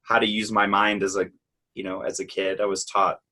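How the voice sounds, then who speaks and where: A man explains his views earnestly in casual run-on sentences, his fairly low voice carrying a bright, forceful edge. He talks in a relaxed podcast conversation. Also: fairly quick. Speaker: podcast co-host.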